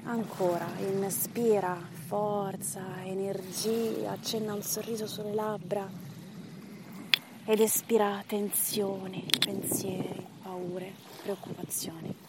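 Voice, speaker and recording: A woman leading a guided breathing meditation as instructor, in short measured phrases and counts with pauses between them. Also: mid-range voice, little pitch movement, background noise.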